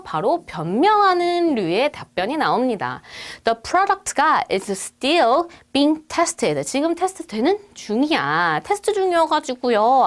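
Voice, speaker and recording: A woman lecturing in a bright, fairly high voice that jumps up and down a lot. She walks through each point step by step and acts out sample answers in a lively way. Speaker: English test instructor. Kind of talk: recorded lecture.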